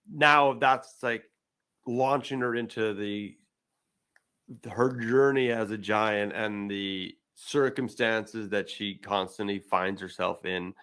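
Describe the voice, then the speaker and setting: A man's voice: fairly low pitch, fairly bright tone. A man hosting a casual chat, brainstorming a film story in a rambling way and acting out quoted lines. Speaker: podcast host.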